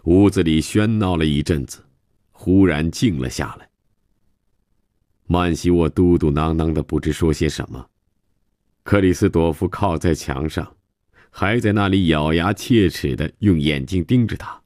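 A man reading a novel aloud as a radio storyteller, with calm, measured narration. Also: low-pitched, no echo, studio quality.

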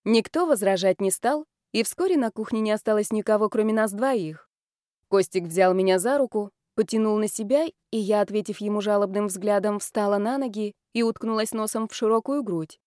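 A woman narrating a first-person romance novel in a lively, expressive way. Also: medium pitch, normal speed, dry recording, studio quality. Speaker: audiobook narrator.

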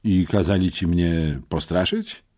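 A man's voice: sits low, a little slow, mellow, voice pushed up. A man reading an audiobook, voicing a nervous, indignant teenage schoolboy detective.

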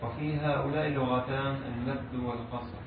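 Man reading a classical text aloud in a flat, steady voice, far from the mic, echoey and tinny with hiss. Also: mid-range voice, normal speed. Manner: reads steadily in classical Arabic. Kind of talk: formal recitation of a classical text.

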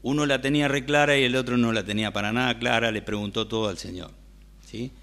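A man's voice: mid-range voice, fairly even intonation, fast, gravelly, a bit bright. A man with a Rioplatense Spanish accent preaching a sermon in a church, talking conversationally and asking the congregation questions.

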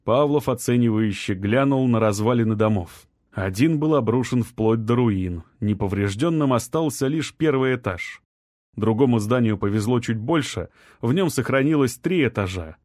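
This is a man narrating an audiobook from a script, keeping an even, measured storytelling tone. His voice sits in the mid-range, recorded dry with clean studio sound.

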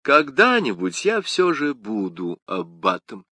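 A composed young male musketeer with a priestly air, voiced by a man reading aloud answers in a quiet, even, ironic manner. The voice is bright and crisp, recorded close and dry. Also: medium pitch, slow pace, no echo, voice pushed up, heavily acted. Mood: calm. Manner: quiet, calm, mildly ironic.

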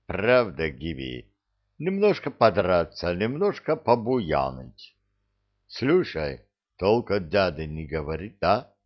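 A man voicing a mild, sly male gnome, speaking softly. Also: big pitch swings, slow pace, dull audio, heavily acted. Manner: low, soft, conciliatory.

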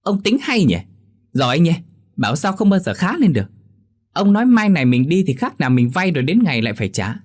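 A man voicing a greedy, nagging middle-aged village wife with a sharp, high voice. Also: very animated, fairly quick, husky. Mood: scolding.

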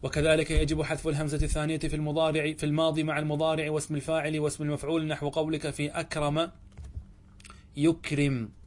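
A sheikh teaching a grammar lesson, reading a classical text, asking his class questions and answering them himself. He slows down to stretch out each example word and says it again. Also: a little high, monotone. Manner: drawls example words slowly and repeats them.

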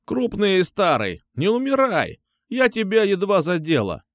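A man reading an audiobook, voicing an elderly female hitwoman with a rattling, low voice and a crude, commanding manner. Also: wildly swooping pitch, moderate pace, dry recording, studio quality. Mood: menacing. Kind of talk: audiobook narration.

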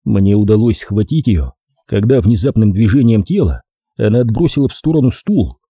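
A man reading a crime novel aloud as the narrator, in an expressive, measured storytelling manner. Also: fairly low pitch, breathy edge, no echo, studio quality. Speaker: audiobook narrator. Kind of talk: dramatic audiobook narration.

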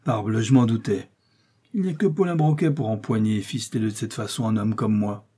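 A man voicing a brawny Parisian street thug who protests loudly and insistently in slangy speech. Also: on the low side, fairly quick, breathy edge. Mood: protesting.

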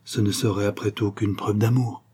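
A man's voice: fairly low pitch, level tone, normal speed, mellow, slight background noise, lightly acted. A man reading aloud, voicing a suave, evasive duke who is an impostor suitor. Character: smooth scheming male duke, an impostor suitor.

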